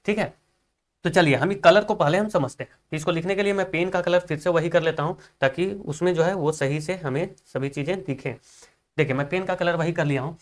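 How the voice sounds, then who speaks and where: A man teaches an exam-prep class over a screen recording, recorded close to the mic. He keeps asking his own questions and then answering them. He repeats each point again and again. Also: a little high. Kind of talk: online exam-prep lesson.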